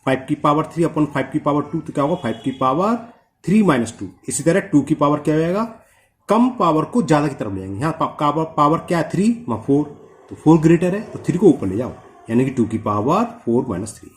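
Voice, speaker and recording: A young man teaching a whiteboard maths lesson step by step. He keeps asking the viewer quick questions and slows right down to read out formulas. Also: fairly high pitch, lively intonation.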